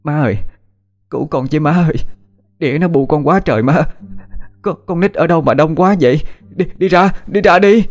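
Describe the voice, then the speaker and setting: A man's voice: a little high, moderate pace, faint music behind, voice pushed up, natural voice. A man voicing a terrified young woman who screams and pleads in a told ghost story. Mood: hysterical screaming. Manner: shrieking and pleading.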